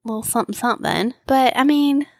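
Higher-pitched woman podcaster chatting casually. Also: brisk, darkish tone. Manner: informal, slangy, filler "like" throughout. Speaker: podcast co-host. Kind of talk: casual chat.

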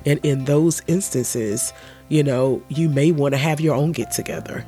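A man hosting a casual solo podcast while under the weather, speaking in a nasal, stuffy voice and giving earnest, gentle advice. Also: a little high, moderate pace, faint music behind. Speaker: podcast host.

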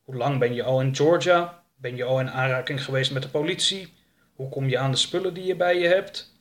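A man voicing an eager, deferential young male deputy in an audiobook, dutiful and quick to obey. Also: mid-range voice, natural voice. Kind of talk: audiobook character voice.

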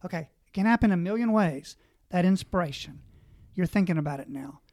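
Earnest priest giving advice. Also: male voice, high voice, lively intonation, brisk, a little mellow, no room sound, studio quality. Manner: earnest, exhortative, lists points. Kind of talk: conversational advice on a panel.

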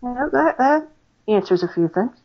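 A woman's voice: fairly high pitch, animated, normal speed. Chatty American woman, lo-fi audio. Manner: chatty, many fillers and restarts. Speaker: paranormal investigator guest. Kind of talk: casual interview storytelling.

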